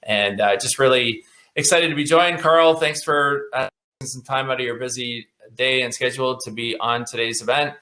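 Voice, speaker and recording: Bright-voiced man hosting an online event. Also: medium pitch, normal speed. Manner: enthusiastic, heavy on "uh" fillers. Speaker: host. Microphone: video call mic.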